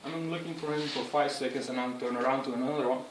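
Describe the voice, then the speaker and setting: An earnest man gives a prepared speech on public speaking, phrasing things in a halting, instructive way. His voice sits at a middling pitch and rings in an echoey room. He is picked up from a distance, with faint background noise. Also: steady tone. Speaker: speech giver. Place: room with an audience.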